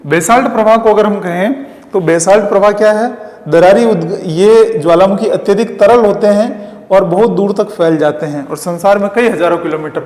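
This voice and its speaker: A man's voice: sits high, moderate pace, darkish tone. A man teaching geography as a classroom lecture, explaining step by step and answering his own questions while drawing diagrams. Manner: draws diagrams while talking. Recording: echoey, reverberant room.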